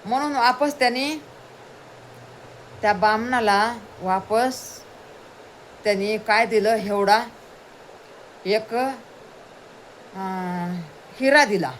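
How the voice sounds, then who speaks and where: A woman's voice: medium pitch, extremely slow, pauses often, a little hiss or hum, poor audio. A woman telling a folk tale aloud, repeating phrases and addressing her listeners with asides. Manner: repetitive, chanting retelling with rhetorical asides. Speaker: storyteller.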